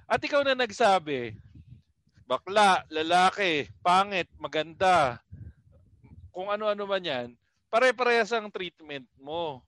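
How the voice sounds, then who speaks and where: A man's voice: high voice, sing-song, unhurried, long pauses, fairly bright tone, no room sound. A man co-hosting a podcast, bantering casually, teasing his friends and laughing often. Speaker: podcast co-host.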